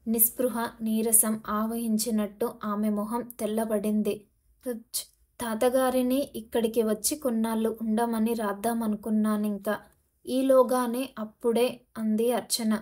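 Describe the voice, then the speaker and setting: A woman narrating a family novel in a steady storytelling read. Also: a little high. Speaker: audiobook narrator.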